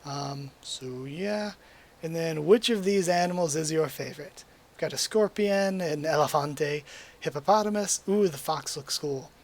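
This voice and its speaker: A young YouTuber with a slightly high voice gives casual quiz commentary to his webcam, recorded on a desk mic. He rambles in a relaxed, unhurried way, full of ums and likes, and he is losing his voice.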